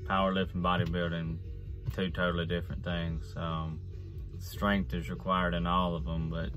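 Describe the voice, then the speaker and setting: A man in his forties speaks with a deep, low voice. He sounds like a casual vlogger talking inside a car, rambling along with frequent halts in a plain, folksy way. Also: flat delivery, moderate pace, fairly bright tone, soft background music. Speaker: fitness vlogger. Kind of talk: casual off-the-cuff vlog talk.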